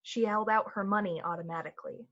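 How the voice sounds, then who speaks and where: A woman with a natural, somewhat bright medium-pitched voice speaks quickly in a steady tone. She narrates a suspenseful summer-night story in the manner of a 1940s radio play, sustaining measured suspense. The recording is slightly muffled over background music.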